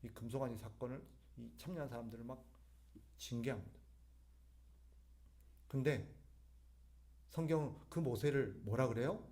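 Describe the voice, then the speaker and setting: A man's voice: mid-range voice, normal speed, pauses often, darkish tone. A male pastor preaching a sermon at an evening church service, firing rhetorical questions at the congregation and answering them himself, with sudden emphatic rises.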